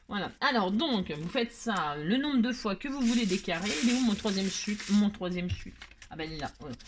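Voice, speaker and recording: A woman's voice: mid-range voice, noisy background. A woman hosting a casual craft tutorial, chatting in a rambling, self-mocking way with frequent laughs and asides.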